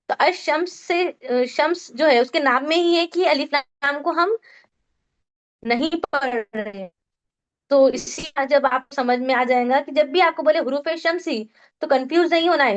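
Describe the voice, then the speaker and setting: A woman teaching a Quran recitation class online, explaining rules patiently step by step and quizzing her students. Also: high voice. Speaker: tajweed teacher.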